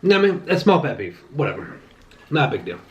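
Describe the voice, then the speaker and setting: A man's voice: mid-range voice, fast, muffled recording, a little hiss or hum. A young man hosting his own channel, chatting casually between bites as he reviews a movie, rambling and restarting his sentences. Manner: rambling, relaxed, with frequent restarts and "like" fillers. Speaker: channel host reviewing movies while eating. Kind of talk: casual mukbang chat.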